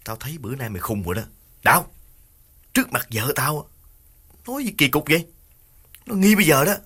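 Man doing a gruff scolding older brother. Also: medium pitch, animated, fast, bright, forceful tone, pitched above the performer's own voice. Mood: irritated, scolding. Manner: scolding, brusque questions. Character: gruff older brother thief, short-tempered.

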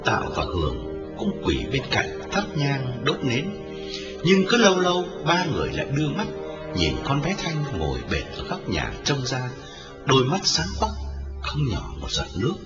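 A man narrating a dramatic story, expressive in his storytelling. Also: medium pitch, normal speed. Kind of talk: dramatic audiobook reading. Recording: roomy, lo-fi, distant, with music.

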